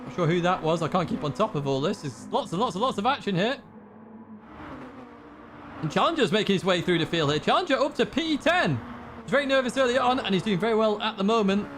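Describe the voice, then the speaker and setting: A man giving live commentary on a sim racing event in an excitable, chatty manner. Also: high voice, fast talker, slight background noise. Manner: excitable, chatty, laughs along. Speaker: race commentator.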